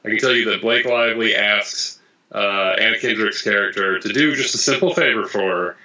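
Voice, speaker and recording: Bright-voiced man chatting. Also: lowish voice, moderate pace, highs cut off. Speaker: podcast co-host. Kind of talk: casual chat.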